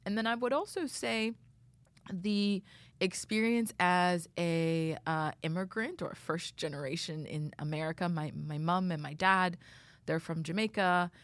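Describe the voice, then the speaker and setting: A woman from Canada, a tech leader and former attorney, answering interview questions in a measured, articulate way in a studio. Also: on the low side, no echo.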